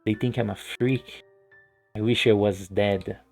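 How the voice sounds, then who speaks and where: A man voicing a lonely, outcast young woman in a game story, speaking softly and dejectedly. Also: on the low side, fairly even intonation, a little slow, vocal fry, faint music behind, voice pushed down. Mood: despairing. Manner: soft, dejected.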